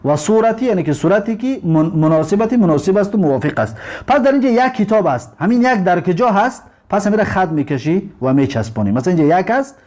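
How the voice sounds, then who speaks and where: High-voiced man teaching Arabic slowly. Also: sing-song, darkish tone. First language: Tajik. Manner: slow, patient explaining, repeats each Arabic word with its translation. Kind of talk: recorded lesson, explaining a textbook.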